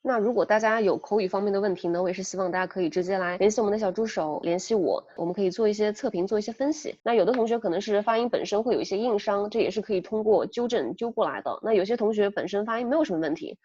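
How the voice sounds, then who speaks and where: Fast-talking young woman tutor. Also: mid-range voice, mellow, no room sound, highs cut off. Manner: chatty, explanatory, lots of fillers. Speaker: English test tutor. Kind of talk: casual spoken lesson. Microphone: headset.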